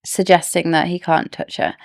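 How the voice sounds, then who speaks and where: A woman's voice: fairly low pitch, flat delivery, normal speed, creaky, no echo, clean studio sound. A woman co-hosting a podcast, casually discussing a book and musing over plot theories. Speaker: podcast co-host.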